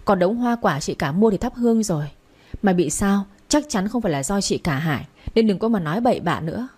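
A woman's voice: mid-range voice, animated, fairly quick, a little mellow, husky. A woman voicing a blunt, commanding young man in a read-aloud story. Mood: stern. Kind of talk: storybook character voice.

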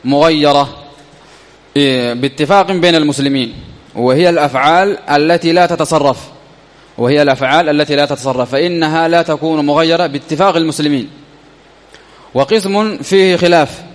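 A man's voice: fairly high pitch, big-room sound. A man teaching an Arabic grammar lesson. He reads from a text, asks his students questions and repeats points as he explains them. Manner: reads a passage, then explains it with questions and repetition.

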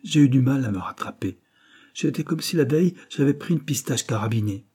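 A man reads aloud at medium pitch, briskly and with a breathy edge, raising his voice above its natural range to play a blunt young chauffeur-mechanic. The character sounds worried, speaking in animated, colloquial working-class slang.

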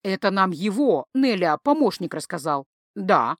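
A woman voicing a drunk, pompous young man who stammers and insists loudly. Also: medium pitch, sing-song, unhurried, dry recording, clean studio sound.

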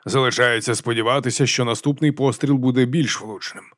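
A man's voice: mid-range voice, steady tone, brisk, fairly bright tone, dry recording, natural voice. Sly mocking baron, man doing him, dry ironic delivery, audiobook.

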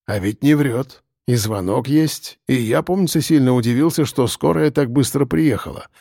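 A man's voice: mid-range voice, normal speed, creaky, mellow, no room sound, clean studio sound. A man reading an audiobook, voicing an older man who speaks plainly and reassuringly.

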